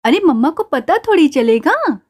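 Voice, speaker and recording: A woman's voice: high voice, very animated, normal speed, noisy background. A woman voicing a restless young boy doll who hates studying, in a doll play story, talking in a whiny, impatient way.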